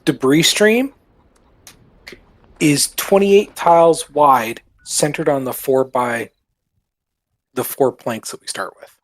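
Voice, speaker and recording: A man's voice: a little high, slow, long pauses. A man chatting during a game session, explaining rules with a wry edge. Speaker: gamer on a stream. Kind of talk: casual chat while gaming.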